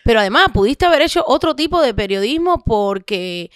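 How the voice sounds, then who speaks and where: A woman's voice: a little high, very animated, fairly quick, clear, resonant tone, no room sound, clean studio sound. A woman hosting a podcast interview, asking curious follow-up questions. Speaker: podcast host.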